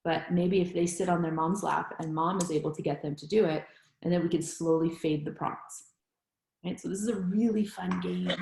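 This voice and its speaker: A woman's voice: lowish voice, steady tone, moderate pace, creaky, a little mellow. A woman leading a staff training session, chatty and explanatory, who keeps checking in with her listeners as she goes. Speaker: staff trainer for child therapy. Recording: roomy echo with faint music.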